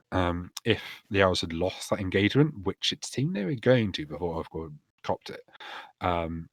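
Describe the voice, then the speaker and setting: Deep-voiced man explaining a game world. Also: a bit bright, dry recording. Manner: rambling, full of fillers. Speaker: dungeon master. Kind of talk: explaining a tabletop campaign world.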